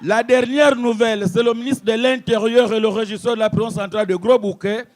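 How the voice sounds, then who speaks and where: High-pitched comic, mock newscast. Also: male voice, steady tone, fairly quick, dry recording. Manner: mock news-bulletin punchlines, shouted tags. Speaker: comedian. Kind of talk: stand-up joke delivery.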